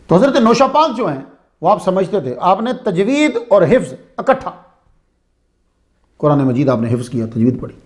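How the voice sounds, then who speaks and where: A man telling a saint's story as a sermon-style lecture, in a conversational way that asks the listeners questions. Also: sits high. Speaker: religious speaker.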